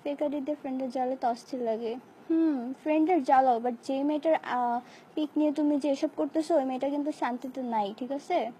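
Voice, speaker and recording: Hoarse young woman, high mellow voice, playful live-chat host reading viewer comments. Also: a little fast, slight background noise. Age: young adult. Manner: chatty, playful, mixes English phrases into casual replies. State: hoarse, sore throat.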